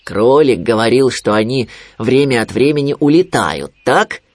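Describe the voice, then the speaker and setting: Man reading as a slow, sighing storybook bear cub, mopey and drawn out. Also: medium pitch, expressive, no room sound, lightly acted. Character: gloomy slow-talking young male bear.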